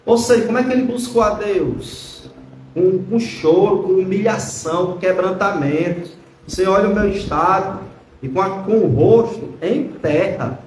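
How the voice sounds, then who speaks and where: Male pastor, higher voice, preaching to the congregation; roomy echo, faint background hiss. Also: moderate pace, darkish tone. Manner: preaching, often addressing the congregation as brothers. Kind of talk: sermon.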